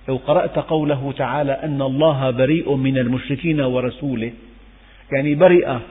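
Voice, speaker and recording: Older preacher in an echoey hall. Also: male voice, a little high, breathy edge. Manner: storytelling, mixes classical and colloquial Arabic, rises in emphasis. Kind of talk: religious lesson. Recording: echoey hall, phone-like tinny sound.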